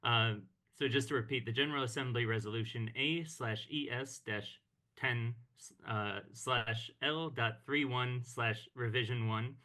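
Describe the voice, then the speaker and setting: A man speaking as director of a peace organization, giving a formal, measured talk on a video call. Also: mid-range voice, bright, forceful tone. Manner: formal, measured delivery with occasional hesitations. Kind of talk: online meeting speech. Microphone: computer mic on a video call.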